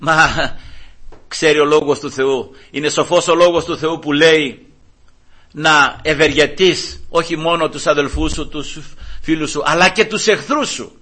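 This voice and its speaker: Fervent high-voiced male preacher. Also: bright, forceful tone. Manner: fervent preaching, rising and falling. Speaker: pastor. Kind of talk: sermon.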